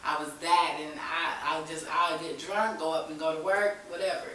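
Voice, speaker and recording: An echoey recording from a distant mic, with faint hiss, captures a woman in her thirties telling a candid personal story as an interview guest. She talks in informal vernacular with frequent "you know," using a low, slightly bright voice with a steady tone at normal speed.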